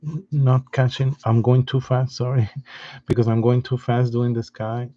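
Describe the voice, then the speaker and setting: A man giving a step-by-step drawing lesson in a patient, soft-spoken way, often restarting his sentences. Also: mid-range voice, level tone, measured pace, no room sound, dull audio. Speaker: art teacher.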